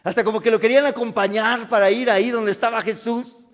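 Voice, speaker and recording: High-voiced preacher in a reverberant hall. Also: male voice, steady tone, a little fast. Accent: Mexican Spanish. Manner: dramatic preaching, rising to loud cries and dropping to hushed asides. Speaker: pastor. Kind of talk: sermon. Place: church hall. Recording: long reverb of a church hall.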